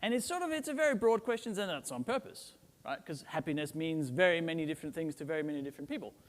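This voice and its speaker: A fast, high-leaning voice with lively intonation belongs to a middle-aged man from Denmark speaking at a conference. In the reverberant expanse of a big hall, he keeps things chatty and joking for the live audience, with plenty of "um" and a steady stream of "right?" tags.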